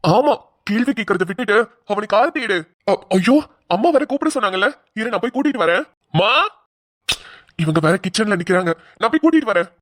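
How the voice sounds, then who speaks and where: A woman's voice: mid-range voice, expressive, brisk, no room sound, clean studio sound, close to an everyday voice. A woman voicing a bossy, teasing older brother, a grown man, in a cartoon. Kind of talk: cartoon voice acting.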